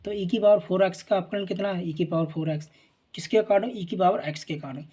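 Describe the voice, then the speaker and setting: A male teacher walks through a math lesson in a husky, slightly breathy voice. His tone is mellow and dark, and he keeps checking in with listeners as he works. He asks himself questions and answers them in a patient, repetitive rhythm. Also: sits high, steady tone, brisk. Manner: repeats "theek hai na", asks and answers his own questions. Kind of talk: explaining at a board.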